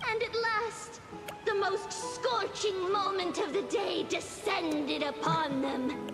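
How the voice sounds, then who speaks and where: A woman voicing a poised young woman narrating in a video game, with a measured, dramatic delivery. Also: extremely high pitch, exaggerated voice. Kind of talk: scripted video game voice acting. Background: game music.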